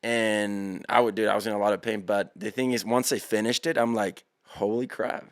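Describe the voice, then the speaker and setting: Slangy, animated man telling stories. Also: lowish voice, normal speed, no room sound, clean studio sound. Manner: animated, slangy, calls listeners bro and dude. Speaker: podcast guest, endurance athlete. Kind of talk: casual storytelling chat.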